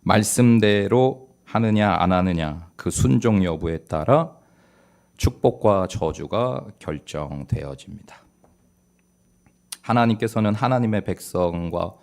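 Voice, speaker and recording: Korean pastor preaching, hushed to booming. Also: male voice. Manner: swings from hushed, low delivery to loud, exhorting peaks; earnest, urging, with light jokes. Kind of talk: Sunday sermon. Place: church sanctuary.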